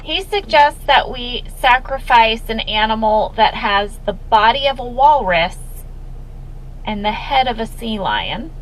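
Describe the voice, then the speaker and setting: A woman's voice: fairly high pitch, animated, a little slow, poor audio. A woman chatting casually as a co-host on a recap podcast. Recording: podcast with faint vehicle noise. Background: faint vehicle noise.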